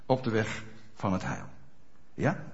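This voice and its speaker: A pastor preaching a sermon in a church, speaking straight to the congregation with frequent rhetorical questions. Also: male voice, on the low side, slow. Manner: animated, addresses congregation directly with rhetorical questions. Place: church hall. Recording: dull lo-fi church recording.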